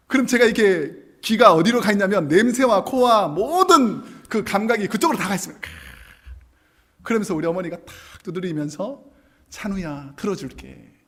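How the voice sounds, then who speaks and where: Animated husky-voiced Korean pastor. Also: male voice, high-pitched. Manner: animated storytelling, acting out quoted lines. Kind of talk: sermon.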